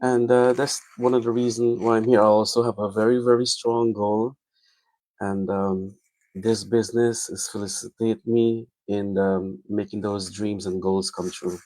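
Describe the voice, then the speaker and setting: A man's voice: lowish voice, level tone, measured pace, a little mellow, no room sound, poor audio. A middle-aged man, introducing himself in earnest on a webinar panel over a video call. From Guyana.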